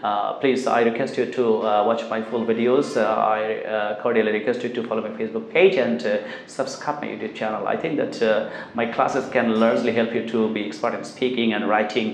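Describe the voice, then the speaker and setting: A Bangladeshi man leads a spoken English class, repeating drill sentences one by one with many hesitant fillers. He speaks at a slow, deliberate pace, and his voice rings in a roomy, echoing space. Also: on the low side, fairly even intonation. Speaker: English teacher. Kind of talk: classroom lesson mixing Bengali and English.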